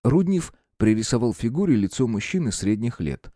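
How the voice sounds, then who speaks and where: A man narrating an audiobook in an expressive, varied reading style. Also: mid-range voice, normal speed, no room sound, clean studio sound. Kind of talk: scripted narration.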